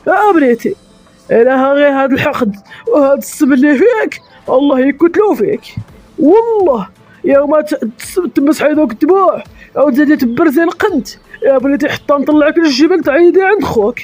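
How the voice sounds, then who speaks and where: Mubarak, a high fuming old man. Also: animated, fast, darkish tone, faint music behind. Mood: exasperated scolding. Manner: cursing, exasperated ranting. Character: fuming old man, a father scolding his daughter. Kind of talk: comedy sketch acting.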